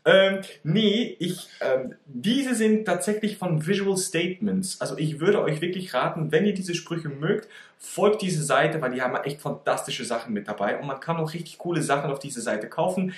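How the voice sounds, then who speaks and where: Male comic guest, higher-pitched. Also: animated, normal speed, few pauses. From Belgium. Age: middle-aged. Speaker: recurring show segment guest. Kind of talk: casual comic chat. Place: indoor room, on a video call. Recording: roomy video call sound.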